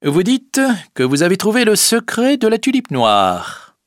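A man voicing a stern, composed prince in a storybook reading, speaking in a commanding, measured way. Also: high-pitched, huge pitch swings, no room sound, clean studio sound, pitched above the performer's own voice, full character voice.

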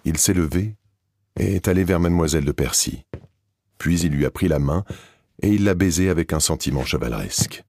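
A man narrating a classic novel in a calm, measured reading. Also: sits low, slightly rough. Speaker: audiobook narrator. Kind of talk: scripted narration.

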